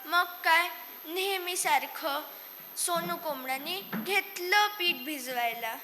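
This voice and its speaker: A woman storyteller narrating a children's tale on a stage, lively and expressive, speaking to the audience. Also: very high voice, takes it slowly, a little hiss or hum. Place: stage in a hall. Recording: echoey hall, faint ambience.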